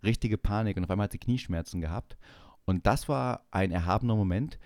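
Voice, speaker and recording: A man's voice: lowish voice, brisk, no room sound, clean studio sound. A young man telling a long personal story in casual chat, acting out the voices of the people in it. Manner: animated storyteller acting out quoted dialogue. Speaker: podcast co-host.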